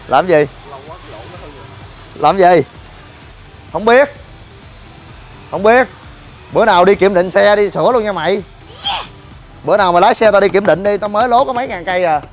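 Man, high-pitched voice, slangy joking vlogger, exasperated, faint music underneath. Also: normal speed, pauses often. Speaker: vlogger and gym owner. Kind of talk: casual complaining vlog. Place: outdoors by a car at a gym.

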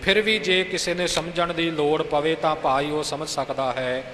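Man teaching scripture recitation real slow, kinda high voice, echoey room w faint hiss. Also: fairly even intonation. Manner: recites lines slowly, then explains pauses and pronunciation in a quicker, quieter voice.

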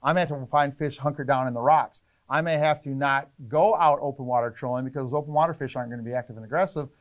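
A middle-aged man, a fishing charter captain, explaining trip planning in casual, energetic interview talk in an indoor tackle shop. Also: mid-range voice, highs cut off. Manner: energetic, gestures a lot, lists points rapidly.

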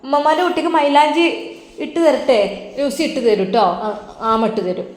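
A woman voicing an affectionate older widowed grandmother who coaxes her granddaughter softly. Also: sits high, animated, fairly quick, pitched above the performer's own voice. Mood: tender, coaxing. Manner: soft coaxing, affectionate endearments. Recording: roomy echo.

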